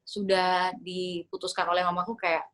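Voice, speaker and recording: A woman's voice: lowish voice, level tone, moderate pace, a bit bright. A woman in her twenties, a singer, chatting reflectively as an interview guest, with many fillers and restarts. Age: 20s. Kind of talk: casual interview chat.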